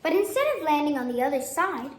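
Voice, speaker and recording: A woman's voice: high voice, expressive, quick pace. A woman storyteller reading a children's picture book aloud. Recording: echoey room.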